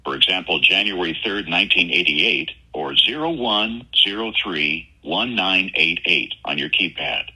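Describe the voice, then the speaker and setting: A man's voice: low-pitched, lively intonation, measured pace, hardly any pauses, bright, forceful tone, breathy edge, low-quality recording. Man's voice on a recorded phone menu message. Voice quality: evenly paced, announcing manner. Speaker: automated pharmacy phone system.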